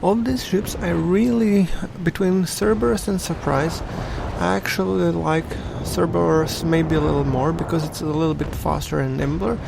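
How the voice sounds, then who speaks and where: Male gameplay host, casual and hesitant, slightly high-pitched, over clear background noise. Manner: halting, hesitant delivery. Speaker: video game commentator, channel host.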